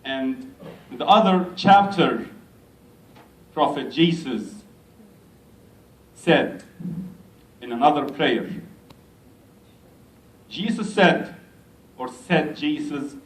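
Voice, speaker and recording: A man from Egypt, an imam giving an unhurried, gently self-mocking speech to a community gathering in a large hall. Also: a little high, expressive. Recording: echoey hall, mic at a distance.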